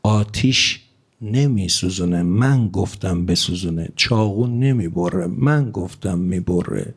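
Deep hushed divine voice, slow and firm, a preacher doing it. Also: male voice, breathy edge. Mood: solemn, emphatic. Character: God speaking, solemn, commanding male voice.

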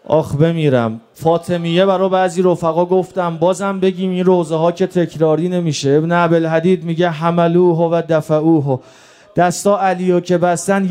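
Male preacher, mellow dark tone, mourning sermon, lamenting storyteller. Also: high voice, fairly even intonation, few pauses, smooth. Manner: lamenting, grief-stricken delivery; storytelling, quoting old accounts.

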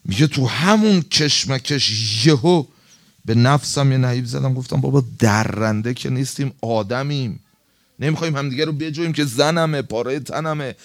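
A man preaching a sermon to a gathering, telling a story in a colloquial, impassioned way and swinging between loud, high emphasis and low asides.

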